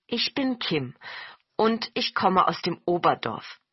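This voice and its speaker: A woman's voice: lowish voice, big pitch swings, takes it slowly, breathy edge, no echo, lo-fi sound, exaggerated voice. A woman voicing a humble old village man in a storybook reading, mild and modest.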